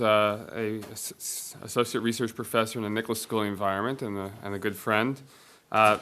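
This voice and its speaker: A man moderating a conference panel, introducing the next speaker in a halting way with many restarts. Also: medium pitch, bright, forceful tone.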